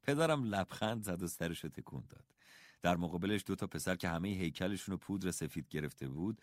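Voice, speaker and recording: A man reads a first-person story aloud as an audiobook narrator. His voice sits fairly low but moves a great deal in pitch as he tells it. The recording is dry, with no room sound. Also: no echo.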